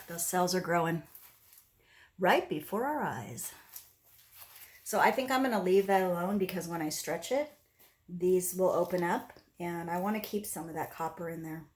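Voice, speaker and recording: A woman with a slightly low voice hosts a casual craft demonstration. She talks through each step as she works, unhurried and conversational. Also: darkish tone. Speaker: host of an acrylic pour painting tutorial. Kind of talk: casual craft demonstration, narrating as they work.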